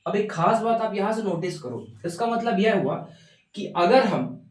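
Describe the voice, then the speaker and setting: A man's voice: high voice, moderate pace. A male physics teacher, lecturing students in a coaxing way and answering his own questions for them. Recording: roomy echo, mic at a distance.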